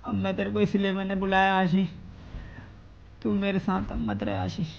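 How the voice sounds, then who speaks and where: A man's voice: sits high, big pitch swings, moderate pace, vocal fry. Young man, prank host, coaxing and pleading tone, dull lo-fi audio with faint hiss. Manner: pleading and soothing, repeats pet names. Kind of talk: staged prank conversation.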